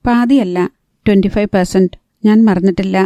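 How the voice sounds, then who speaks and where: A woman's voice: mid-range voice, fairly even intonation, normal speed, warm tone, no echo, dull audio, lightly acted. A woman reading the part of an anxious, practical young woman who pleads earnestly and keeps her voice down. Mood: pleading.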